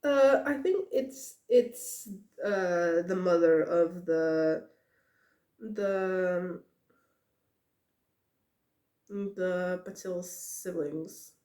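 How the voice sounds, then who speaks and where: A young woman podcaster rambles casually about a book in an echoey room, her voice on the low side and very slow with frequent pauses. She giggles a lot, fills gaps with plenty of "uh"s and restarts, and breaks into excited asides.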